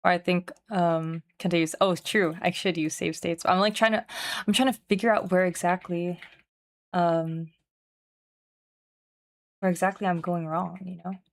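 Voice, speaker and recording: Playing her own game on a livestream, a female developer chats loosely and keeps cutting herself off, sometimes reading the game's text aloud. Her lowish voice holds a steady tone at a moderate pace with long pauses. The audio is clean studio sound with no room sound.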